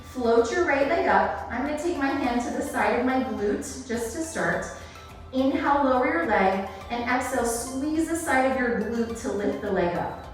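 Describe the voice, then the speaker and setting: A woman with a fairly high voice teaches a Pilates class as an aerobics instructor. She gives encouraging cues and counts down each set. She sounds some way from the mic in a strongly echoing room. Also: animated, normal speed. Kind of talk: aerobics instructor cueing and counting through a workout. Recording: echoey room, distant, music behind.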